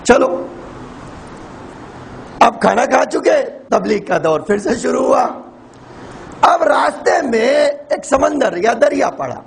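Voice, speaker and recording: Man, preacher, sermon storytelling, gravelly, wide swoops, dramatic shouts. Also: very high voice, animated, pauses often, rough recording.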